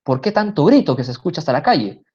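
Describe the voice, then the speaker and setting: A woman's voice: deep voice, big pitch swings, fast talker, warm tone, breathy edge, heavily acted. A woman voicing a proud older suitor who speaks indignantly and issues challenges, in a dull lo-fi recording.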